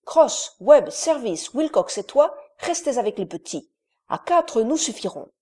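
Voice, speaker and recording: A woman reading aloud and voicing a calm, steady young boy who gives firm, reassuring orders to his crewmates. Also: fairly high pitch, unhurried, pitched above the performer's own voice. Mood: urging. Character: calm, steady thirteen-year-old boy leading the crew.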